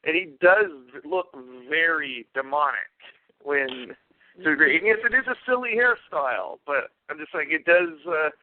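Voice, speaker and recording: A man's voice: on the high side, animated, moderate pace. A man co-hosting a casual film review podcast, speaking hesitantly with many fillers and restarts. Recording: phone-like remote call line.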